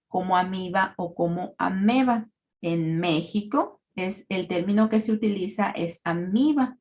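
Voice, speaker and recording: A woman giving a recorded parasitology lecture, explaining terms in a measured way with frequent fillers. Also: medium pitch, darkish tone.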